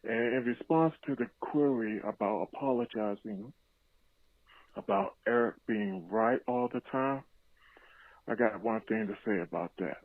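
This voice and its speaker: A man's voice: lowish voice, unhurried, no room sound. A man leaving a casual, laid-back voicemail for a podcast, giving hyped reactions to a show. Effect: played voicemail over phone line. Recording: tinny, dry phone-line voicemail.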